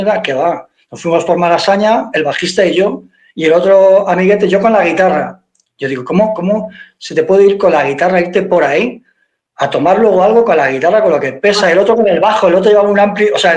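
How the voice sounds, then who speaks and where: A man, a guitarist guest telling anecdotes in an interview, acting out the quoted dialogue and swearing casually. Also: high-pitched. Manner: lively storyteller who acts out quoted dialogue. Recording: echoey room.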